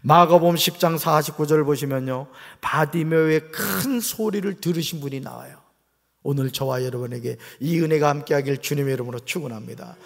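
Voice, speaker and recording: A man's voice: fairly high pitch, fairly quick, creaky. A male pastor preaching a sermon with emphatic delivery, pulling call-and-response from the congregation. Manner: emphatic preaching, rising to shouts, drawing replies from the congregation. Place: church sanctuary. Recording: reverberant church sanctuary.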